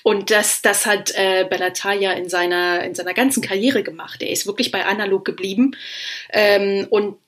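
A woman with a mid-range voice, speaking as a guest expert in a relaxed podcast talk. She hesitates often and restarts her sentences as she explains her point. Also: mid-range voice, normal speed. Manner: hesitant, frequent fillers and restarts. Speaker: guest film scholar. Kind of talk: casual expert discussion.

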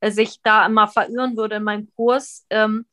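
A woman's voice: mid-range voice, level tone, moderate pace, sharp tone. A woman guest talking casually over a video call, chatty with frequent restarts. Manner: chatty, many restarts and fillers. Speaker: guest, flower school founder.

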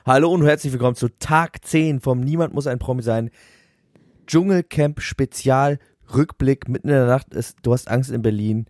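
A man's voice: medium pitch, normal speed, darkish tone. A man co-hosting a podcast, chatting in a dry, teasing, mock-solemn way. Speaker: podcast co-host. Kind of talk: casual gossip chat.

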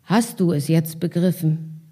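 Stern teenage boy, lowered and pressing, mellow tone as a woman reading puts him on; slow, deliberate reading. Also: slightly rough. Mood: intense. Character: irritated teenage boy, intense and lecturing. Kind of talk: literary reading.

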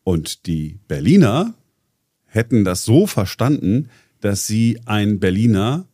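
A man's voice: fairly low pitch, big pitch swings, takes it slowly, mellow, no echo, clean studio sound. A man presenting on a talk show in casual chat, explaining at length with many hesitations and restarts. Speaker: radio presenter.

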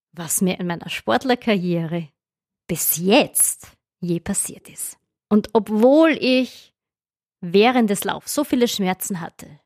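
A woman telling a personal story on her podcast, lively and laughing often as she acts out her own thoughts. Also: medium pitch, no echo, studio quality. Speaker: podcast host.

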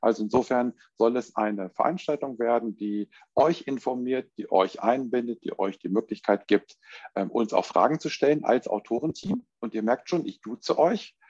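A man from Germany hosting an online book launch, chatty and relaxed, with frequent fillers. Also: medium pitch, moderate pace, husky, no room sound. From Göttingen, Germany. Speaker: event host, coach. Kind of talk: online launch event presentation. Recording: dull dry online call audio.

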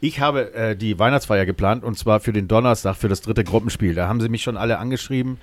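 A man's voice: lowish voice, fast talker, no echo. A man chatting casually, rambling and restarting with fillers. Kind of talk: casual chat.

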